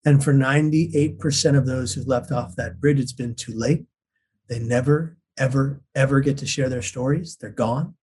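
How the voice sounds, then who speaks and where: A man's voice: mid-range voice, steady tone, moderate pace, darkish tone, a little hiss or hum. A man telling his own story in an earnest, intense way as an interview guest. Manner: earnest and intense, acts out quoted voices. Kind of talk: personal storytelling.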